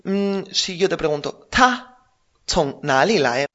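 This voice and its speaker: A man's voice: on the high side, expressive, fairly bright tone. Patient male language teacher, lo-fi. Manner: patient, drills pronunciation slowly. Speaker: Chinese teacher. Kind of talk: language lesson.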